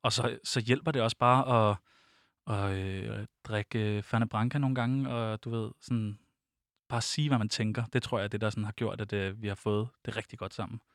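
A man's voice: fairly low pitch, fairly even intonation, no room sound, clean studio sound. A young man speaking Danish, a guest telling personal stories in an interview, open and reflective, often laughing. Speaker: podcast guest.

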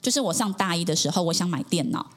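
A woman's voice: fairly low pitch, expressive, quick pace. A woman, a podcast guest earnestly telling her personal story in conversation, with frequent affirming interjections.

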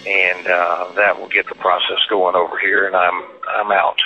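A man speaking from jail on a recorded payphone call, talking in a halting, guarded way with many fillers. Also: low voice, little pitch movement, lo-fi sound. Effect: heard over a recorded payphone call from jail.

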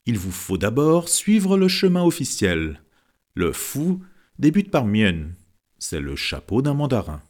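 A man voicing a modest, shrewd literature teacher who reads fortunes from written characters, speaking calmly and explaining. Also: mid-range voice, measured pace. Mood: knowing.

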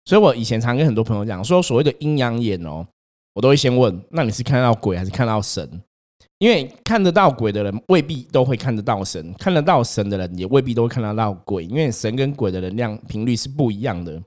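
A young man, hosting a casual chat and telling his own ghost story in an animated way, acting out the voices in it. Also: fast. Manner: animated, acts out quotes, rises in pitch when scared.

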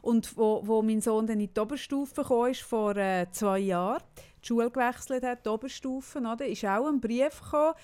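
A woman's voice: a little high, brisk, clear, resonant tone. A woman in her forties with a Swiss German accent, telling a story in casual chat and tagging her lines with "oder?". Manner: animated storyteller, often tags lines with "oder?". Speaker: podcast co-host telling a story.

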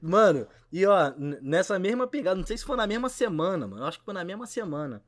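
A man's voice: sits high, very animated, very fast, background noise. A man with a Rio de Janeiro accent telling a casual podcast anecdote in heavy street slang, acting out bits of dialogue as he goes. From São Gonçalo, Rio de Janeiro state, Brazil. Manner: Rio street slang, full of filler tags. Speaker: podcast storyteller.

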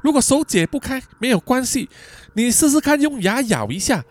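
A man voicing a frightened young woman student who softly pleads and coaxes. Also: extremely high pitch, big pitch swings, normal speed, dry recording, voice pushed up, exaggerated voice. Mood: coaxing. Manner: soft, pleading, coaxing.

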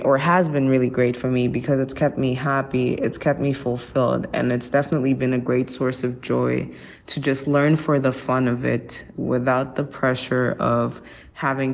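A woman leaving a reflective, grateful message for the show. Her voice has a gravelly, fry-edged texture that carries through her whole message. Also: extremely low pitch. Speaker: listener sending a voice message. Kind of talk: recorded monologue.

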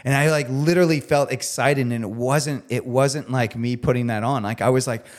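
A man's voice: medium pitch, fairly even intonation, moderate pace. A man talking as a guest on a podcast, earnest and emphatic in casual conversation, at times moved to the edge of tears. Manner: heartfelt, gets teary.

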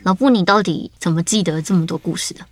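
A woman's voice: on the low side, quick pace. A woman with a Taiwanese accent in casual podcast chat as co-host, playful and inquisitive, speaking through a face mask.

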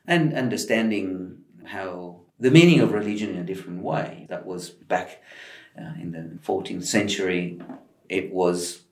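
Low-voiced Argentine-born man, echoey room. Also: a little slow. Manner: thoughtful, many fillers and restarts. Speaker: architect guest. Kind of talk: conversational interview.

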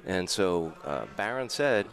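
Deep-voiced New York man, repeating words. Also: animated, measured pace. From the Bronx, New York. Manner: fluent storyteller with frequent stammered restarts. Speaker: hotel general manager. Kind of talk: radio interview guest.

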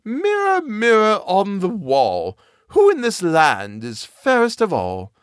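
A man voicing a vain, envious wicked queen with a shrill, drawn-out delivery. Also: wildly swooping pitch, no room sound, clean studio sound, heavily acted. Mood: demanding.

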